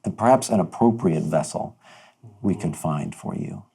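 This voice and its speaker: A man's voice: deep voice, moderate pace, gravelly, mellow, husky, full character voice. A man voicing a polite, fatherly male warlock in a tabletop game, talking formally and stiffly. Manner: formal, stiff, laughs between lines.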